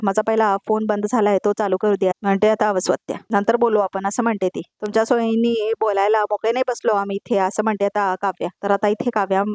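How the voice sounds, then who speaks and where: A woman's voice: medium pitch, a little mellow, no room sound, clean studio sound. A woman narrating a television serial recap, reading every character's lines and then naming who said them. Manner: retells each line then names the speaker. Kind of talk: voice-over recap reading all parts.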